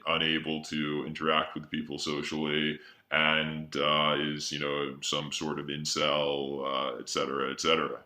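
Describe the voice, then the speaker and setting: A man co-hosting a podcast, speaking haltingly with many fillers in casual conversation. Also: rumbling low, monotone, pushed and bright. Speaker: podcast co-host. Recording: roomy echo.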